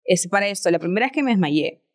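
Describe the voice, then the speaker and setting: A woman's voice: medium pitch, animated, quick pace. A woman, a podcast guest telling a personal story in an earnest, reflective way. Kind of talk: casual chat.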